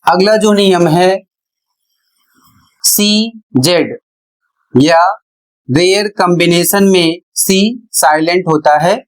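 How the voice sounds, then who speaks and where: A male teacher giving a classroom-style lesson, deliberate and spelling things out letter by letter with pauses. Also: sits high, poor audio.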